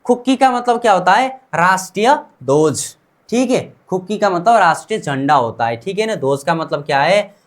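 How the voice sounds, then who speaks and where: A woman with a fairly low, expressive voice and normal pace teaches Korean pronunciation in Hindi with an Indian accent. She repeats each word many times and asks her students questions before providing the answer.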